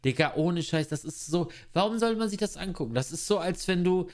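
This podcast co-host sounds animated, his high, darkish voice moving fairly quickly. His casual chat is a sarcastic rant, blunt and slangy, with restarts and emphatic swearing.

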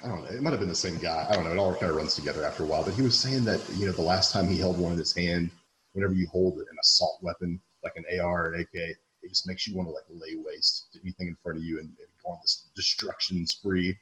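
A man's voice: deep voice, steady tone, quick pace, fairly bright tone, a little hiss or hum, poor audio. A man co-hosting a casual podcast, sarcastic and swearing, laughing often.

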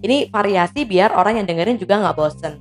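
Woman, podcast guest, explanatory, casual chat, mid pitch, faint background music. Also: fast talker. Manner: explanatory, animated demonstrations. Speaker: guest speaker on public speaking. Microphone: podcast mic.

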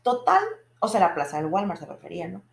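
A young woman, telling a long personal story in a casual, animated and frustrated way. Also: fairly low pitch, fast, creaky. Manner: animated, frustrated retelling with frequent restarts and acted quotes. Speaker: vlogger. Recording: echoey room.

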